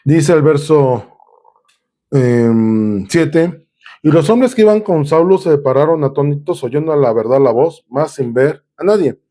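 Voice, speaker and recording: A man's voice: a little high, a little slow, warm tone. A man preaching a sermon, reading Bible verses aloud and explaining them in a conversational way, with filler sounds and restarts. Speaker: pastor.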